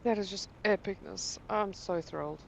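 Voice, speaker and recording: A woman hosting a gaming channel, chatting casually to herself as she plays, excitable and quick to swear mildly. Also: mid-range voice, gravelly, a little hiss or hum. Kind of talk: casual gameplay commentary.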